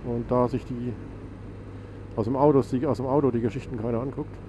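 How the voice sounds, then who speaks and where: A man talks into his helmet mic while riding, his voice stuffy and nasal from a cold. He rambles along, corrects himself and drops plenty of fillers. Engine and wind noise roar clearly behind him. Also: mid-range voice, steady tone, a little fast, muffled recording. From Germany. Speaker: motovlogger. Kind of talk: casual chat while riding. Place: outdoors on a motorcycle on a country road. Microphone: helmet mic on a motorcycle. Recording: noisy motorcycle wind and engine.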